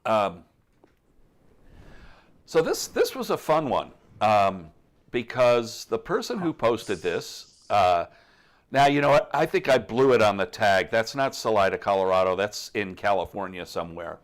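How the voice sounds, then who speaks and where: A middle-aged man with a fairly low voice co-hosts a casual live stream about birds. He explains in a relaxed, rambling way, often restarting his sentences. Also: a little slow. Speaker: co-host answering bird questions.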